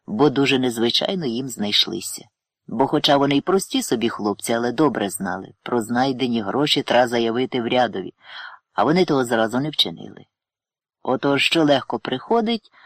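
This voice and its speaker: A man narrating an audiobook in measured storytelling. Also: mid-range voice, animated, no echo, clean studio sound. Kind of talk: audiobook reading.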